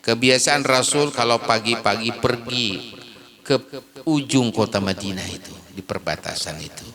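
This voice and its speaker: Man playing a calm, gentle daughter. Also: mid-range voice, moderate pace, a crowd in the background, natural voice. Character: gentle dutiful adult daughter.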